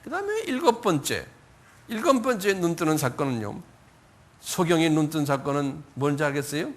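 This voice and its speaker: A man's voice: a little high, sing-song, normal speed. A man preaching a Sunday sermon, speaking conversationally. He repeats and corrects himself often and raises his voice when acting out quoted pleas. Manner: frequent repetitions and self-corrections. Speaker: pastor.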